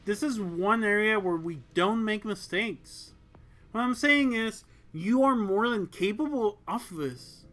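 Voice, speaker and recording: A reader voicing a confident young woman lieutenant who speaks in a crisp, assured command tone, in an audiobook of a mecha story. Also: mid-range voice, measured pace, faint music behind, natural voice. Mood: reassuring.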